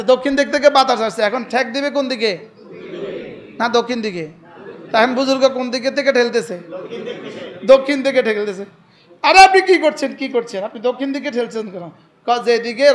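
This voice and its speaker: High-voiced Bangladeshi preacher, call-and-response. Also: male voice. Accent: Noakhali. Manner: call-and-response, asks crowd to repeat, tells anecdotes. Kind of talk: sermon.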